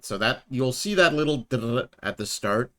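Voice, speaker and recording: A man's voice: mid-range voice, animated, a bit bright, faint music behind. A man streamer thinking aloud at home as he edits his video, talking half to himself. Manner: muttering, half to himself, unhurried. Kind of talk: thinking aloud while editing.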